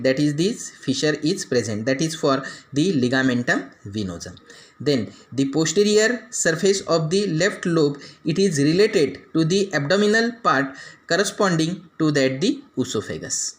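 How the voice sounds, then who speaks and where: A man with an Indian English accent teaching anatomy, pointing out parts on a model step by step, with frequent "that is" and "after then" phrasing. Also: on the high side. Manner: explains step by step, pointing out structures. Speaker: anatomy lecturer.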